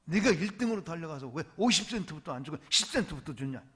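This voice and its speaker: A man voicing an angry mother who scolds her young son, shouting at first and then berating him. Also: on the high side, animated, fast. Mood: angry scolding.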